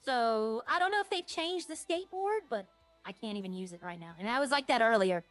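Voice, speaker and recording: Higher-pitched woman chatting on a game stream. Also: expressive, a little fast, no echo, faint music behind. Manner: informal, rambling, talking to viewers.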